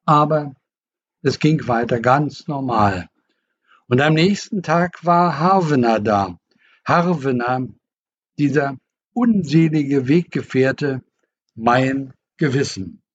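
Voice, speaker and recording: Husky man reading his own novel. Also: mid-range voice, lively intonation, slow. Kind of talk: book reading. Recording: dull lo-fi recording.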